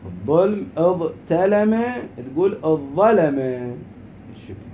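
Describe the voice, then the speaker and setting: A man explains grammar in an informal lesson. His voice sits a little high, and he drags out the key forms slowly before darting through quick side remarks. A faint background noise runs under the recording. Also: expressive, warm tone. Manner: slow and emphatic on rule words, quick asides. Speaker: Arabic grammar teacher.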